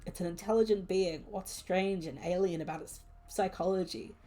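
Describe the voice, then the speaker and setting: A woman's voice: fairly low pitch, steady tone, moderate pace, mellow, faint music behind. A young woman streaming a solo tabletop game, reading prompt lists aloud and musing at length with many fillers.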